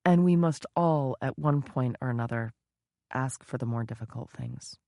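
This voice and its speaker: A man's voice: mid-range voice, moderate pace, warm tone, no room sound. A man narrating a first-person audiobook in an intimate, confessional manner, close to the mic.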